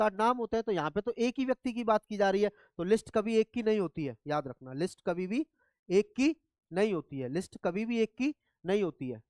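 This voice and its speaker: A man's voice: sits high, clear, resonant tone, dry recording. A man teaching English grammar in a classroom lecture, often checking whether students follow. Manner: asks students repeatedly if they follow.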